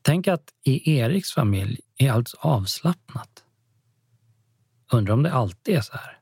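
Man, audiobook narration, husky, dry close studio sound, calm storytelling. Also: mid-range voice, dry recording. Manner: calm storytelling, voices each character.

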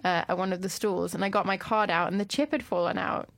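A woman hosting a casual radio chat show in a studio, chatty and quick to laugh. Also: lowish voice, fairly even intonation, vocal fry, no echo.

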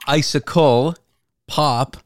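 A man's voice: on the high side, drawn-out words, dry recording, clean studio sound. A North American man chatting casually as a podcast co-host. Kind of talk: casual chat.

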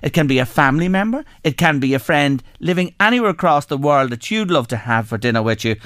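An Irish man hosts live radio with a fairly high voice in a dry studio sound. He is chatty and emphatic, repeating phrases as he talks up the show and its competitions. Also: lively intonation, fast, a bit bright, no room sound.

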